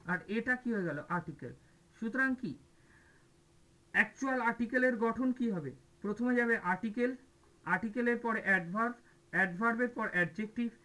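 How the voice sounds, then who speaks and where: This exam-prep English teacher has a high-pitched, sharp voice, captured on a rough recording. He runs a grammar class, asking questions and supplying the answers himself while mixing English terms into what he says.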